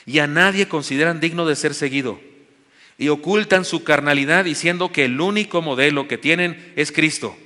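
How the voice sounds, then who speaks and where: Bright-voiced Mexican preacher in a reverberant church. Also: male voice, a little high, normal speed. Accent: Mexican Spanish. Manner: earnest storytelling preacher, rises to emphatic exhortation. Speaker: pastor. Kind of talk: sermon. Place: church sanctuary with long reverb.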